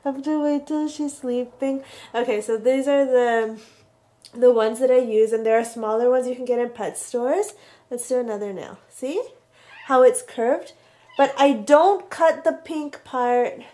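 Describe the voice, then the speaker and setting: High-voiced woman giving a casual demonstration. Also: a little slow, dark tone. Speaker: pet owner demonstrating nail trimming. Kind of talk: casual how-to chat.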